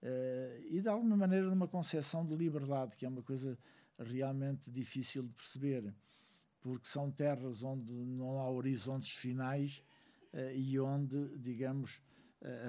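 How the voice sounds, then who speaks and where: At a book launch, an Angolan man addresses a seated audience, measured and reflective, often pausing and hesitating as he searches for words. His voice is mellow and dark, at an ordinary mid-range pitch.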